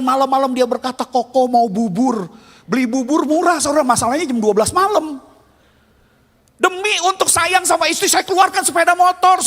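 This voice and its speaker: A man in his fifties preaching a sermon as a pastor, telling stories with animated swings between loud and hushed. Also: very high voice, vocal fry. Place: church. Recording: long reverb of a church hall.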